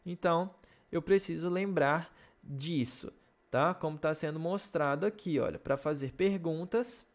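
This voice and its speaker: Brazilian guy teaching english online, kinda high voice, takes it slow, keeps asking ok?. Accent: Brazilian Portuguese. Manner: slow, patient explaining with frequent check-ins. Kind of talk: recorded video lesson.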